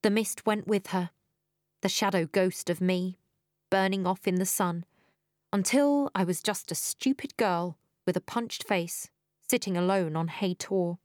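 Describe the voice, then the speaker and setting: A woman's voice: fairly low pitch, unhurried, dry recording, studio quality. A woman reading a first-person story aloud, wry and dryly humorous, growing breathless in the tense stretches. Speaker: audiobook narrator. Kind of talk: first-person audiobook narration.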